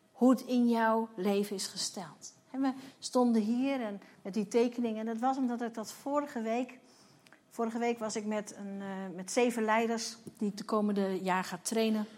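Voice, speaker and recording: A slightly mellow, medium-pitched voice belongs to a female church leader in her fifties. She gives a sermon of personal testimony, telling her story with vivid detail and dramatized dialogue.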